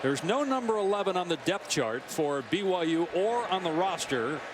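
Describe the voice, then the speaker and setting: Guy doing football play by play, highish voice, really noisy stadium. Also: animated, moderate pace. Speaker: play-by-play announcer. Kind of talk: live football commentary. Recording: loud stadium crowd and noise behind.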